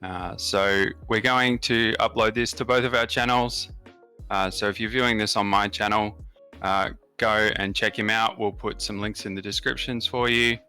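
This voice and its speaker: A man with an Australian accent hosts a strategy game session for his gaming channel, giving casual commentary that explains settings and bonuses in detail with frequent fillers. His smooth, bright, forceful voice sits on the low side and holds a steady tone at normal speed. Soft music plays behind him.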